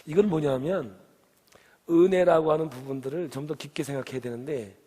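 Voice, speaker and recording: A man's voice: fairly high pitch, brisk, dark tone, breathy edge. A man from the Gyeongsang region of Korea with its accent, preaching a sermon and putting questions to the congregation. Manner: asks the congregation questions and urges them to answer. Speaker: pastor. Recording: long hall reverb.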